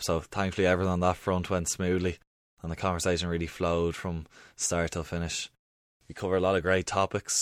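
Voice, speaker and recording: A man's voice: low-pitched, clear, resonant tone, no echo, clean studio sound. A man with an Irish accent hosting a podcast, introducing and chatting in plain conversational language. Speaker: podcast host.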